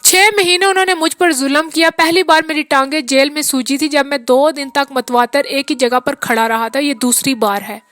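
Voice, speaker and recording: A woman's voice: high-pitched, fairly even intonation, moderate pace, hardly any pauses, fairly bright tone, no echo, faint music behind. A worn, rueful peasant man, read by a woman. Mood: weary, rueful. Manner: long rambling confessional talk. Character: weary peasant-born man, bitter yet brotherly.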